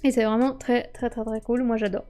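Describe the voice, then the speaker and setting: A woman's voice: on the high side, flat delivery, a little fast, dark tone, soft background music. A woman streamer chatting casually about her favorite board games, bubbly and laughing often as she acts out little scenes. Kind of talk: casual live-stream game review. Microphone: streaming microphone.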